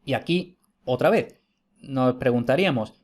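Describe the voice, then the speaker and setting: A man's voice: mid-range voice, normal speed, darkish tone. Guy from teaching grammar online, patient and repetitive, keeps checking in with his students. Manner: explanatory, repeats points, checks with "¿vale?". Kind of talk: informal online lecture.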